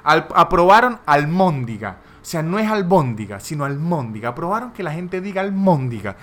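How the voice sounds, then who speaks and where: A man's voice: on the high side, sing-song, moderate pace, a bit bright. A man hosting a comedic podcast monologue, ranting in a sarcastic, mocking way. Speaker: podcast host.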